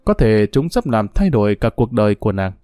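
Expressive male audiobook narrator. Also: on the low side, brisk, no room sound, studio quality, soft background music.

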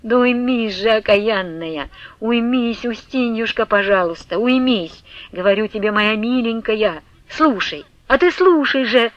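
A woman's voice: on the high side, expressive. A woman doing a timid, frightened man pleading. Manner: hushed, pleading, slow. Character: timid frightened middle-aged man, pleading under his breath. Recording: dull, dry lo-fi recording.

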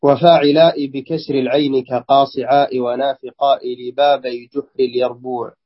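A man reads a classical grammar text aloud in class, going slowly and sometimes restarting a word. His voice is husky and sits at a middle pitch. The recording is muffled and lo-fi. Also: little pitch movement. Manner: careful reading with small slips and restarts. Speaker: student reading the text aloud.

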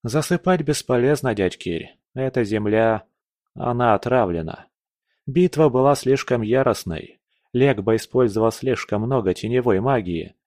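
A man voicing a calm, mocking young male mage in an audiobook. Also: mid-range voice, moderate pace, dry recording, clean studio sound, lightly acted. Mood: serious.

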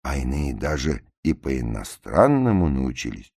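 A man reading a satirical tale aloud, acting out the characters' cries and arguments with much higher voices. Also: big pitch swings, a little slow, dry recording, clean studio sound. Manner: acts out the shouting passengers and officer with much higher voices. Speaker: narrator.

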